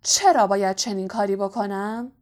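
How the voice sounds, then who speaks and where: A woman voicing a bullying middle-aged uncle who talks gruffly, shouts and scorns. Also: mid-range voice, natural voice. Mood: angry.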